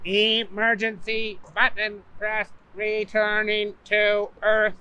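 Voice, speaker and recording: Man doing a calm spaceship computer voice. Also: high voice, slow, lo-fi sound, a little hiss or hum, pitched above the performer's own voice, full character voice. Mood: calm announcing. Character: calm, slow-talking spaceship computer on the intercom. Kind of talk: storybook read-aloud.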